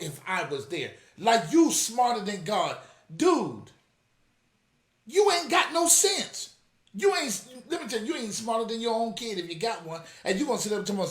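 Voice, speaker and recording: A man's voice: high-pitched, echoey room. A man hosting a religious commentary show, fiery and scolding, calling out to his audience directly. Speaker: apostle and show host. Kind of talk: reaction commentary.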